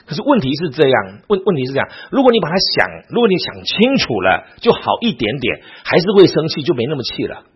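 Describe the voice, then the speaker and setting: A man's voice: fairly high pitch, huge pitch swings, fast, hardly any pauses, slightly rough, dull audio. A man teaching a Bible class in a sermon style, asking his listeners frequent rhetorical questions.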